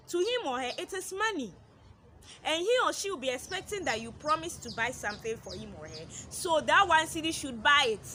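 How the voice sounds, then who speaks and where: High bright-voiced mother giving advice. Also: a little hiss or hum. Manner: earnest, repeats points, acts out children's voices. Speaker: parenting advice vlogger, mother. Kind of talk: earnest advice talk to mothers.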